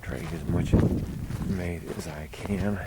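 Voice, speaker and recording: A man casually narrating an outdoor hiking vlog to his viewers on a windy high ridge, recorded on a handheld camera with wind noise. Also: fairly even intonation, a little slow. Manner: informal, addressing viewers as "guys". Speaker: hiking vlogger.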